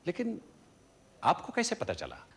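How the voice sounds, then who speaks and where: A man's voice: sits high, huge pitch swings, a little slow, a bit bright, full character voice. An actor playing a cheerful, money-minded man who sold his kidney, gushing in welcome and then blunt about money, in a TV serial. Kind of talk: TV serial acting.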